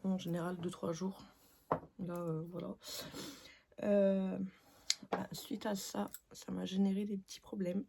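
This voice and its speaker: A woman's voice: medium pitch, little pitch movement, measured pace, creaky, long pauses, mellow, breathy edge. A young woman chatting informally to her vlog viewers at home, rambling and trailing off into filler words. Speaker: vlogger, mother. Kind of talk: casual vlog chat to viewers.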